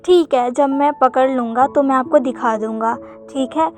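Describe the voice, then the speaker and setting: A woman voicing a reserved, serious young male cultivator in a fanfic story retelling, speaking calmly and in short phrases. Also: sits high, normal speed, soft background music, lightly acted.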